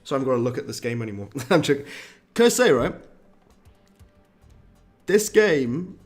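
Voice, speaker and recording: A man's voice: mid-range voice, very animated, moderate pace, soft background music. A young man chatting and joking as he streams a game. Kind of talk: casual live-stream commentary.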